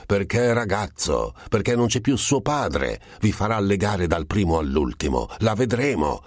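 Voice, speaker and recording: A man voicing a choleric middle-aged monk who shouts and sputters insults, read as an audiobook character. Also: lowish voice, sing-song, measured pace, no echo, clean studio sound, voice pushed up. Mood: scornful ranting.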